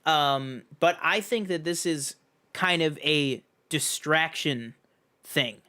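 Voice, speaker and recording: A man's voice: fairly high pitch, takes it slowly, pushed and bright. A man co-hosting a casual film review podcast, laying out his theories with lots of ums and you-knows. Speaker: podcast co-host.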